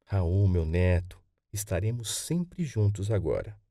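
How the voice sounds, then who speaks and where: A man voicing a calm, reassuring elderly grandmother, speaking slowly and softly. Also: sits low, no room sound, studio quality, full character voice. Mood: tender. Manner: slow, soothing. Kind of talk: audiobook character voice.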